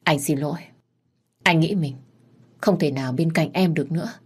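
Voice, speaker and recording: A woman voicing a gentle, caring young man in an audiobook story, speaking in a soothing way. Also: deep voice, normal speed, slightly rough. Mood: resigned.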